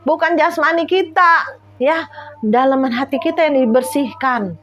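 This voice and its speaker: A woman's voice: high voice, unhurried, fairly bright tone, muffled recording. A middle-aged woman, preaching an informal home sermon in a conversational, exhorting way. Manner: conversational, exhorting, checks in with listeners.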